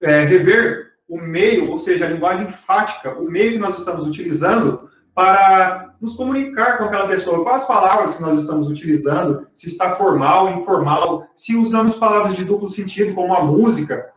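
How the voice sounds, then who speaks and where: A man's voice: sits high, normal speed, few pauses, fairly bright tone. A male teacher giving a recorded lesson over slides, explaining step by step and checking in with his students. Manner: explanatory, with frequent fillers and check-in questions. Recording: distant mic, very echoey room, dull sound.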